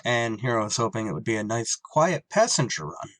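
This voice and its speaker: A man with a fairly low, very animated voice and a fairly bright tone speaks at a moderate pace. He's an actor narrating in first person as a wry, duty-bound shuttle pilot in a scripted retro radio drama, sounding wry and dutiful. The studio-quality recording has no echo, with clear background noise.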